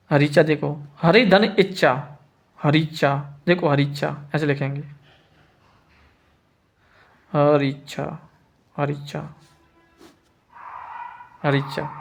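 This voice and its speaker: Higher-voiced man teaching Hindi spelling. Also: little pitch movement, vocal fry. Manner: repeats each word slowly, asks students if they follow. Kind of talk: spelling lesson.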